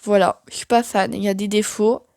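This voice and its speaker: A woman's voice: medium pitch, fairly even intonation, brisk, a little mellow, no room sound, studio quality. A young woman giving a casual, chatty tour of her sketchbook, self-mocking and full of fillers. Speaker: art vlogger.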